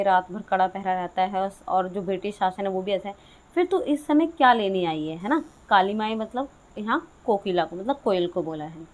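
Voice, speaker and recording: A woman teacher reading poetry lines slowly, then explaining them in quick, chatty asides to her students, whom she calls "child". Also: mid-range voice. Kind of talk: Hindi poetry lesson explaining a class nine text.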